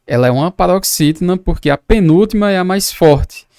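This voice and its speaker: A man's voice: sits high, expressive, a little fast, a little mellow, smooth, no echo, studio quality. A man from Brazil teaching an exam-prep lesson, patiently repeating and breaking down words as he explains quiz answers. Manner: patient, repeats and spells out words, casual asides.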